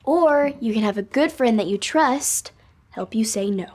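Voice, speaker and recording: A woman's voice: on the high side, lively intonation, a little slow, a little mellow. An actress playing a sensible, helpful young woman in a kids' show, earnest and explanatory. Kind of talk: scripted kids' show acting.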